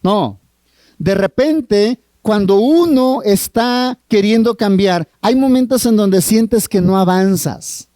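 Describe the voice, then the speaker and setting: A middle-aged man with a Mexican accent, a family therapist preaching at a marriage retreat, earnest and drawn-out, often asking the audience questions. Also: sits high, dark tone, dry recording. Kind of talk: sermon.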